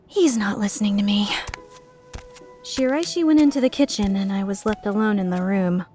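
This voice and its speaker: A woman with a mid-range, natural-sounding, darkish voice plays a flustered, skeptical young woman narrating her own story introspectively in a fan-dubbed drama. She sounds puzzled and reflective, speaking at a moderate pace over soft background music.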